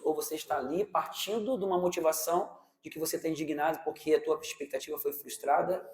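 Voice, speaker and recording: Animated Brazilian man preaching a sermon. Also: medium pitch. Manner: animated, fires rhetorical questions at the congregation; acts out parents and children in quick asides.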